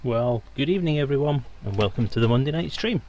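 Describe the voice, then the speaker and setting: Over a rough recording, a man with a mid-range, darkish voice talks fast and animatedly. Wearing a headset mic, he hosts a live stream and rambles to viewers in a playful, tangent-filled way.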